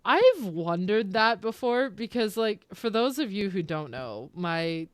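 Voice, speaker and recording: While streaming a game, a young Canadian woman chats casually with her viewers and the live chat, rambling, cutting herself off and laughing often. Her Canadian accent includes some British-sounding words, and her medium-pitched voice swings widely in pitch at a slightly slow pace, with no room sound.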